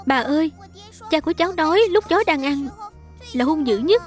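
A woman voicing a sweet, kind little girl in a Vietnamese voice-over dub of a drama, speaking in a gentle, earnest way. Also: high-pitched, expressive, moderate pace, faint music behind. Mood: pleading.

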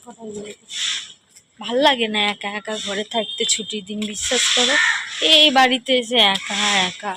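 A woman's voice: fairly high pitch, steady tone, normal speed, heavy background noise. Chatty Kolkata Bengali woman vlogging. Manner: chatty, confiding, often addresses viewers as friends. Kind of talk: casual vlog chat to viewers.

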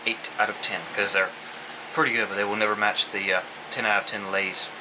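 A man in his twenties with a fairly low voice chats casually to the camera as he reviews food. His phrasing is halting and comes in short pieces. The recording is a homemade one in a room, with clear air-conditioner noise behind him. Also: flat delivery. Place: small indoor room at home, seated.

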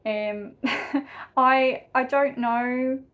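A woman's voice: high-pitched, fairly even intonation, drawn-out words, fairly bright tone. An Australian woman hosting a reaction video, chatting in a casual, emphatic way.

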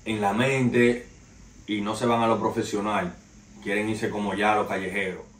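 With a fairly low pitch and fairly bright tone, this Dominican man speaks with a Dominican Spanish accent, hosting a podcast of casual entertainment news commentary told in loose street slang, addressing "señores". He's seated on a sofa in a small, echoey living room; a far camera with no visible mic captures roomy echo, distant audio and faint noise.

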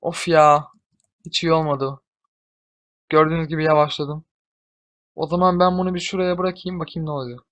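A young man giving casual gameplay commentary, excitable, often swearing and shouting at his units. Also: on the high side, normal speed, pauses often. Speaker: gamer.

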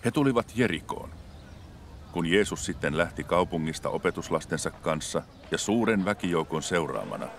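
A man narrating scripture in a steady, measured reading for a film. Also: deep voice, slight background noise. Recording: music playing clearly under the voice.

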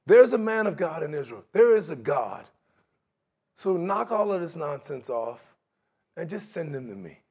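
Man preaching, high voice, lively swings in pitch, conversational, mocking asides, church hall. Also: normal speed, breathy edge. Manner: animated, conversational, mock voices for examples. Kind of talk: sermon. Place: church sanctuary, large indoor hall.

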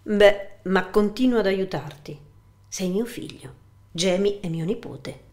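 A woman's voice: mid-range voice, a little slow, darkish tone, voice pushed up, close to an everyday voice. A woman reading as a frank elderly mother. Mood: firm. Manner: firm, plain-spoken.

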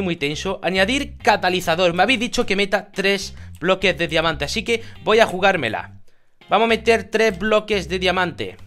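Playing Minecraft for his channel, this excitable Spanish guy with a high voice keeps up a casual conversation with viewers, breaking into joyful shouts.

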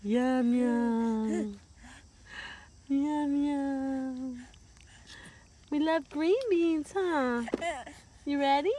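A woman in baby talk, coaxing her infant to eat in a soft sing-song way at home. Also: sits high, drawn-out words, pauses often, slight background noise. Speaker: mother feeding her baby.

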